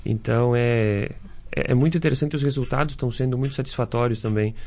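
A man with a gravelly, creaky voice answers as a guest in a radio studio. He speaks in a halting way, filling pauses with short sounds while he finds his words. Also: mid-range voice, a little mellow. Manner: halting, fills with "ah" and "é". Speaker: assistant guest.

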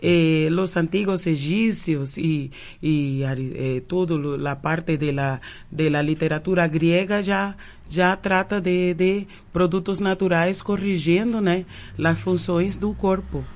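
A Cuban naturopath, whose native tongue is Spanish, answers questions as a guest in a radio studio. She speaks slowly in a lowish, darkish voice with fairly even intonation, using Portuguese peppered with Spanish words and often repeating words as she searches for them.

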